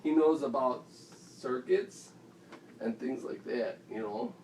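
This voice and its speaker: A man's voice: medium pitch, lively intonation, slow pace, a little mellow. A father improvising a playful, rambling bedtime story at home, often laughing as he goes. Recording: roomy echo, mic far off, faint hiss.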